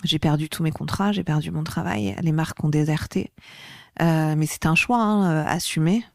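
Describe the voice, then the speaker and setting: A woman's voice: low-pitched, normal speed, vocal fry, no echo, clean studio sound. A woman guest on an interview podcast, speaking passionately and with growing emphasis. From France. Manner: passionate, grows heated and emphatic. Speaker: activist guest. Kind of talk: interview conversation.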